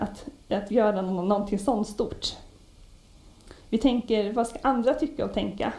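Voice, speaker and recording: A woman preaching a sermon in a conversational storytelling way, often pausing with hesitations. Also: mid-range voice, warm tone. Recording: echoey room.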